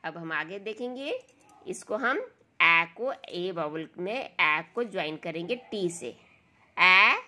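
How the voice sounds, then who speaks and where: A woman leads a children's phonics lesson, sounding out letters one at a time. Her voice is bright and sits a little low, and she takes her time with every word. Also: expressive, slow, a little hiss or hum. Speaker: phonics teacher.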